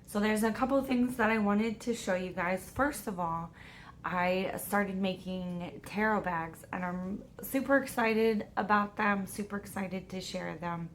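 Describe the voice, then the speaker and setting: A woman with a cold and a deep, husky voice, chatting excitedly at home in a casual video. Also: a little slow, slight background noise. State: hoarse from a cold. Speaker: tarot vlogger. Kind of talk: casual chat. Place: home, sitting by a window.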